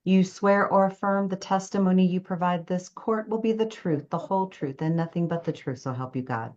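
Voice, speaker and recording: A woman judge speaking in a measured, formal, procedural way, heard on a courtroom recording that is being played back. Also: fairly low pitch, a little mellow, lo-fi sound.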